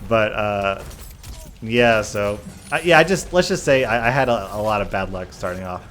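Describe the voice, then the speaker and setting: A man's voice: lowish voice, expressive, normal speed, fairly bright tone, slight background noise. A man talking casually and earnestly in a Q&A gaming vlog, stressing his points with repeated, emphatic phrases. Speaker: YouTube gaming content creator. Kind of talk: casual Q&A vlog talk, reading questions and answering.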